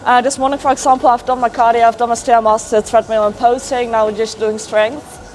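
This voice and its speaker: A woman's voice: on the high side, level tone, fairly quick, a little mellow. A woman giving casual, encouraging workout instruction as an athlete and coach, explaining each step inside a gym. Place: indoor gym. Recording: noisy gym background.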